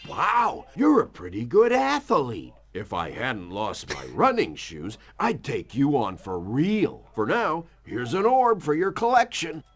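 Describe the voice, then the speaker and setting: Earnest, high-pitched anime-hero coach. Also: male voice, wildly swooping pitch, slow pace, few pauses, full character voice. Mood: earnest, encouraging. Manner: earnest, determined anime-hero delivery, stable and encouraging. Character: earnest, upbeat young male athletic coach in cartoon game. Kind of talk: video game tutorial voice acting.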